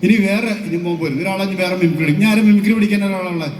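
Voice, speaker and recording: Fast-talking male mimicry host on stage. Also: sits high, darkish tone. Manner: teasing questions, quick crowd banter. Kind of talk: lively stage chat with the audience. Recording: echoey hall with faint music.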